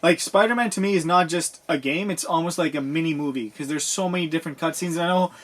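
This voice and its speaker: A man with a slightly raised pitch, talking easily on a podcast. He tells his stories at a relaxed, conversational pace. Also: fast. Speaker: podcast co-host. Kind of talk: casual chat.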